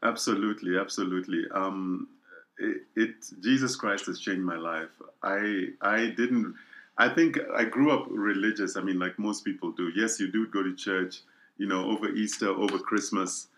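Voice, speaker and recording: Middle-aged man, guest sharing his testimony; low-pitched, earnest, circles back over words. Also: fairly even intonation, normal speed, a bit bright. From Kenya. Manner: earnest, repeats words as he thinks. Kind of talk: personal testimony in interview.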